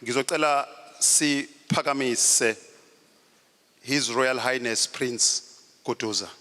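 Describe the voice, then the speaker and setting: A man's voice: mid-range voice, slow pace, bright, forceful tone, slight background noise. A man announcing formally as master of ceremonies at an event. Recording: reverberant hall PA sound.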